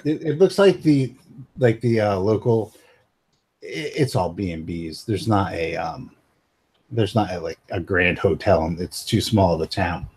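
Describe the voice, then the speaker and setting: A man's voice: deep voice, lively intonation, unhurried, a little mellow, breathy edge. A man narrating as game master of a tabletop game, hesitant and full of fillers.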